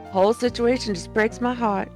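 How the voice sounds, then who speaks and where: A woman's voice: fairly high pitch, darkish tone, close to an everyday voice. Woman voicing a fussing, guilt-tripping motherly older diner lady. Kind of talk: reading video game dialogue in character.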